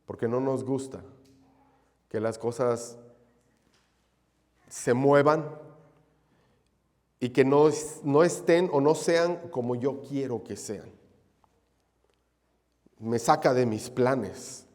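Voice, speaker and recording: A man's voice: mid-range voice, slow, long pauses, a little mellow, big-room sound. A male pastor preaching a sermon. He calls his listeners brothers and repeats his key phrases. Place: church sanctuary.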